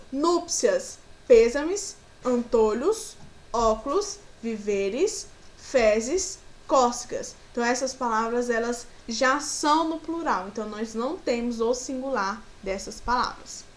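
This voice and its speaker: A woman from Brazil teaching a grammar lesson to children, patiently giving examples and asking her pupils questions. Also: a little high.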